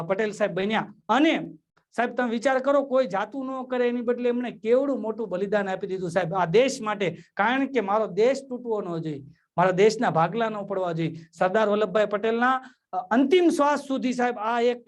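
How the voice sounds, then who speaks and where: A man telling jokes and giving a patriotic address, animated and constantly addressing his audience as sir. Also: sits high. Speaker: comedian. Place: remote link into a virtual event.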